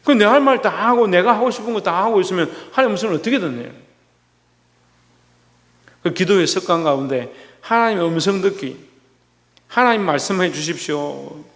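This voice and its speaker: A man's voice: high voice, animated, fairly quick, long pauses, long reverb tail. A male pastor preaching a sermon. He asks rhetorical questions and repeats key phrases for emphasis.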